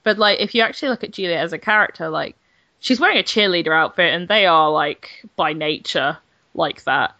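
A young woman in her twenties, a games journalist chatting as a podcast guest, blunt and animated, swearing freely. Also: on the low side, a little fast, no room sound, highs cut off. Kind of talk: casual podcast chat.

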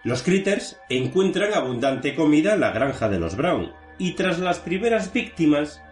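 Lively Spanish man in echoey room. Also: fairly high pitch. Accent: Spain. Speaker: film show co-host. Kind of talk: scripted plot summary and casual discussion. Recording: roomy, echoey sound.

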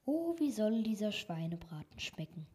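A naive young man from a fairy tale, simple-hearted and easily pleased, voiced by a woman in a storybook reading. The voice is husky and dark-toned. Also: medium pitch, sing-song, normal speed. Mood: content.

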